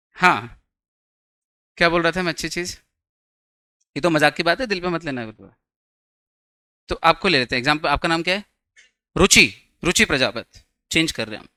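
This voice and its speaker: A man's voice: sits high, bright, forceful tone, no room sound. A young man teaching a law class, chatty and teasing, quizzing his students with jokes.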